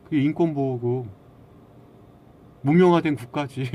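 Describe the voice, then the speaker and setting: A man's voice: mid-range voice, unhurried, darkish tone. A man talking casually to his live-stream viewers, lecturing them bluntly and arguing back at their comments.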